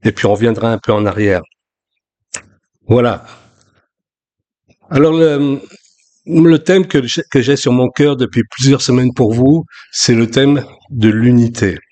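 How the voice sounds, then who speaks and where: Relaxed and conversational, a pastor from France in his sixties delivers a sermon with many restarts. He speaks at a measured pace in a mid-range voice, pausing often.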